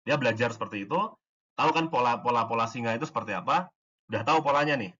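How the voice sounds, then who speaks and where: A man with a slightly husky voice explains AI concepts in a relaxed, informal lesson. He talks loosely, with fillers and restarts, and now and then acts out short exchanges. The recording sounds somewhat dull and lo-fi. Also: mid-range voice, rapid-fire. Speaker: AI course instructor.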